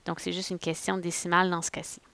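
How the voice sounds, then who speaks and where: Patient Québécoise teacher, gravelly edge. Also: female voice, lowish voice, level tone, quick pace, pushed and bright, no room sound. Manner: patient step-by-step explaining, thinking aloud. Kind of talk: screen-recorded software tutorial.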